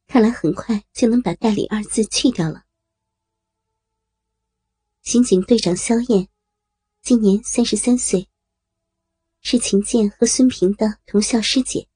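A woman narrating an audio story with a steady, measured reading. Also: on the high side, slightly rough, no room sound. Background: faint music.

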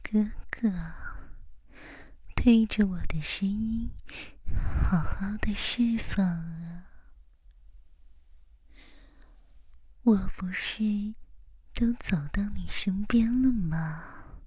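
A woman's voice: mid-range voice, animated, drawn-out words, long pauses, mellow, breathy edge, no room sound, full character voice. A woman doing an ASMR role-play as a teasing, domineering seductress, speaking breathily and very close, right into the listener's ear. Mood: coaxing, teasing.

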